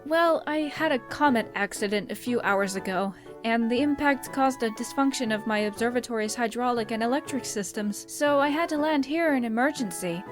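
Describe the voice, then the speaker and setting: A woman plays an earnest cosmic princess with a high voice and a formal, dignified delivery. It is cartoon dub acting, with light music behind it. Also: close to an everyday voice. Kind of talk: animated comic dub acting.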